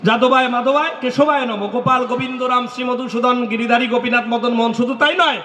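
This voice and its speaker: A man's voice: very high voice, fairly even intonation, fast talker, bright, forceful tone, slight background noise. A man giving a devotional lecture and answering audience questions, explaining patiently and reciting mantras in rhythmic runs. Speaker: religious speaker. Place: lecture hall stage. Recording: echoey hall with long reverb.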